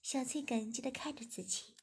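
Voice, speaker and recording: A woman narrating a story in a plain, steady reading manner. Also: high voice, normal speed, creaky, husky.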